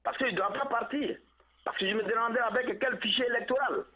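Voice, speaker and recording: A man calling in over a poor phone connection, giving political commentary in a halting way and repeating words as he searches for them. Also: extremely high pitch. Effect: tinny phone line with poor connection. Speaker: phone-in caller. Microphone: telephone. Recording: tinny phone line.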